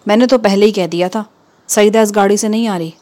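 Woman doing a calm, firm mother in a story. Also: mid-range voice, natural voice. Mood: reassuring. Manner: soothing yet firm.

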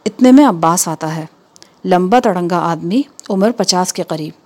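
A woman narrates a story aloud. Her delivery is even and measured. She keeps the narration plain between the characters' lines. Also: on the low side. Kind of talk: scripted story reading.

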